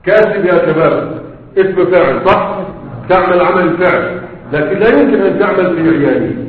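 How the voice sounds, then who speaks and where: Man, grammar lecture, rhetorical questions, quick delivery, slightly high voice, echoey hall, tinny lo-fi recording. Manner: explains with repeated rhetorical questions to students. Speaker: grammar teacher. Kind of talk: classroom lecture. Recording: echoey hall, phone-like lo-fi sound.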